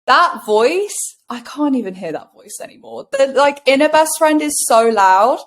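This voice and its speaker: A woman coach in a casual interview, bubbly and animated, with a casual swear now and then. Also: high voice, normal speed. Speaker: guest coach.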